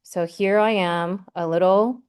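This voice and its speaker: A guest seminar speaker gives a personal academic talk in a chatty way, sprinkling in lots of "um" and "like." She grew up in Hawaii with Japanese as her first language. Her medium-pitched voice is clean and a little mellow, with fairly even intonation and an unhurried pace.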